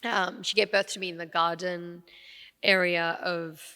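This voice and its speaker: A woman from Afghanistan recounts her family's story as a podcast guest, talking in an easy, chatty way with plenty of "um"s and "you know"s. Her voice sits fairly low yet sounds bright and forward. A long reverb trails behind her in the room. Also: measured pace, clear, resonant tone. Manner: warm, animated storytelling with frequent fillers. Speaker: podcast guest, radio presenter. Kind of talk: storytelling in a casual interview.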